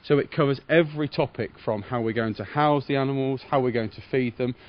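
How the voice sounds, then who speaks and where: A man, a farm veterinarian giving measured, formal explanations in an interview. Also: medium pitch, lo-fi sound. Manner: measured, formal veterinarian explaining carefully in plain professional terms.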